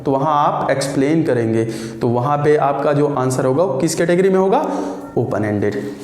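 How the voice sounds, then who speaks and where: A man's voice: on the high side, moderate pace, a little mellow, faint music behind. A man teaching English grammar for exam prep, who asks his class questions and answers them himself, repeating key words. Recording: echoey room.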